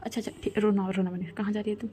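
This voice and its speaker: A caring young best friend, firm but comforting, with a warm, mellow tone, as a woman narrator voices her. She speaks plainly and steadily, giving orders out of concern. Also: medium pitch, flat delivery, racing, slight background noise, natural voice. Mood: alarmed.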